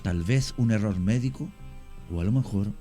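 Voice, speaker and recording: Faint music plays behind a Chilean-accented man who tells cemetery stories at length as a guest in a radio studio, hesitating often. His voice is fairly low and dark, and he talks at a normal speed.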